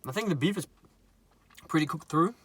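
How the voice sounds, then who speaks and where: Bright-voiced man chatting while eating. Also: on the high side, lively intonation, slightly rough. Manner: talks while eating, with murmured mms and pauses. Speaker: mukbang vlogger. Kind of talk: casual eating chat to viewers.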